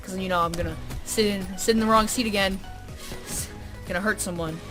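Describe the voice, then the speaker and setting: A young woman tells a story to her viewers in a loose, rambling way, dropping "um" and "like" into every other phrase. Her voice sits at an ordinary middle pitch. Her sarcasm comes out flat and dry, and faint music hums underneath. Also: fairly quick. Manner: rambling, full of "um" and "like" fillers. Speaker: vlogger. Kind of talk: casual storytelling to camera.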